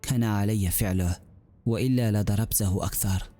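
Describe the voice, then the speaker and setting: A man voicing a gentle young female healer who talks in a calm, earnest way. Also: lowish voice, moderate pace, soft background music, lightly acted. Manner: calm, earnest, softly reasoning.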